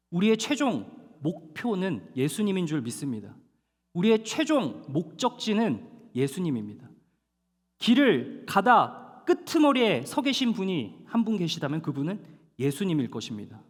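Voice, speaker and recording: A male pastor preaching a sermon to a young adult congregation, animated and storytelling, with dramatic slowdowns for emphasis. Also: high voice. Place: church hall. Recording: long hall reverb.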